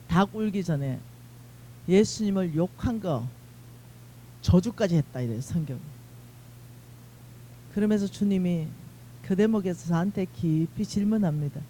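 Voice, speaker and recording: A woman giving an emotional testimony sermon at a church revival, swinging between hushed and loud, on a mic. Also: fairly low pitch, lively intonation, a little slow, pauses often, slight background noise. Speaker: lay minister preaching at a revival meeting. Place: church sanctuary.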